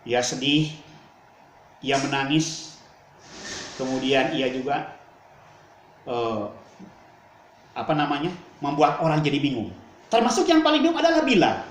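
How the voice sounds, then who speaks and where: A man preaching a storytelling sermon to a congregation in a dramatic, animated way. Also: a little high, a little slow, long pauses, slight background noise. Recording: echoey room, faint ambience.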